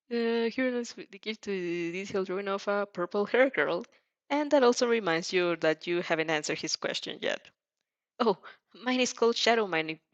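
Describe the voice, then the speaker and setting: On lo-fi audio with no echo, an adult woman who reads and dubs fan fiction performs a story with expression. Her pitch is medium, and she keeps stumbling and restarting, giggling and tossing off casual reactions as she goes.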